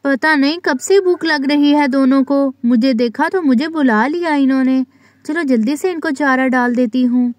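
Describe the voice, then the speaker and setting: A woman's voice: high-pitched, moderate pace, no room sound, pitched below the performer's own voice, close to an everyday voice. A woman voicing a young village wife in a doll story, fussing and reassuring her sick husband. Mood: hurried. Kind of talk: doll story role-play.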